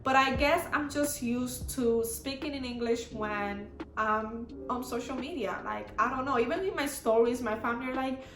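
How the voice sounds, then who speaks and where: A young Dominican woman with a Dominican Spanish accent talks casually to her camera as a YouTuber, sprinkling in plenty of "like" and "you know." Her voice is high and she speaks at a normal speed with hardly any pauses, in a reverberant space.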